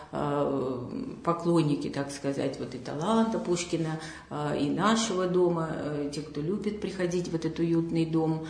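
A woman with a very low voice answers interview questions about her house museum. She speaks hesitantly and fills her pauses with many sounds. The room around her rings with a noticeable echo. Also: a little mellow. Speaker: house museum staff member. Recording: roomy echo.

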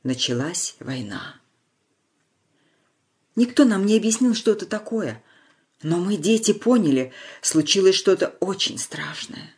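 A narrator reading a wartime village tale in a measured storytelling manner, slowing on solemn lines. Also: medium pitch, animated, darkish tone, husky. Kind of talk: scripted narration.

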